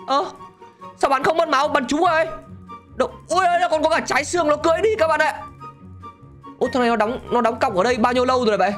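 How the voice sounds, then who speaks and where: A man giving excitable gameplay commentary, laughing often and talking straight to his viewers. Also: very high voice. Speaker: gaming channel host.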